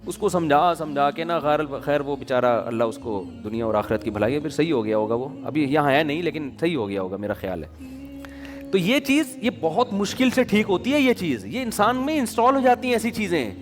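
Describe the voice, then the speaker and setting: A man's voice: on the high side, over music. Pakistani-accented male preacher, reverberant hall. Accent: Pakistani Urdu. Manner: colloquial, acts out quoted voices, lively storytelling. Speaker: Islamic preacher. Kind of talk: conversational sermon with anecdotes.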